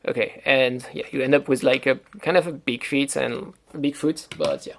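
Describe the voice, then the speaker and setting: A toy reviewer with a French accent does a casual show-and-tell at home, rambling and hesitant and saying "like" constantly. His mid-range voice is steady, moderately paced, and has vocal fry, with a little hiss or hum in the audio.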